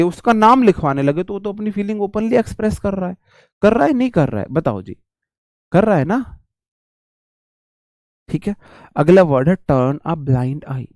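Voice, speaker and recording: A man from India runs a casual vocabulary lesson, talking chattily to his students and repeating key phrases. His voice sits a little high. The sound is dry and close. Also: a little mellow, no echo. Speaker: English teacher.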